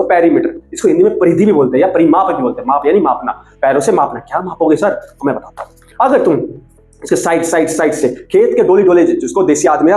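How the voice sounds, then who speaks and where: A man teaching maths in a casual, animated way, asking questions and then answering them himself. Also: sits high. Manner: animated, asks and answers his own questions. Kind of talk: casual classroom explanation. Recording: echoey room with faint music.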